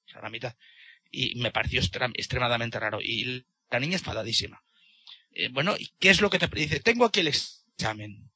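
A man from with a gravelly, husky voice that is sharply bright. He talks in a discussion, indignant and halting, full of restarts. The sound is dry and close. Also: on the high side, no echo. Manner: indignant, hesitant with many restarts. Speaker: participant in a discussion. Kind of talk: casual debate talk.

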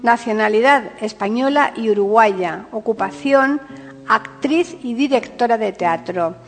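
A woman hosting a podcast, reading scripted narration in a measured, formal announcing manner. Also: on the high side. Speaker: podcast host. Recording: long reverb, music bed.

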